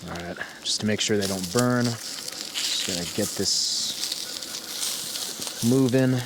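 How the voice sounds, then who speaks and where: A man's voice: fairly low pitch, slow, very noisy. A man chatting casually to his viewers while he cooks breakfast outdoors at a mountain campsite, vlog style. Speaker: camping vlogger. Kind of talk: casual vlog talk to camera. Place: outdoor mountain campsite, then inside a tent.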